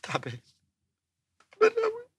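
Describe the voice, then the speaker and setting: A man's voice: fairly high pitch, sing-song, noisy background. A remorseful Egyptian man in anguish. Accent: Egyptian Arabic. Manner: despairing, confessional, halting. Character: remorseful guilt-ridden man facing execution. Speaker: imprisoned man confessing to a friend.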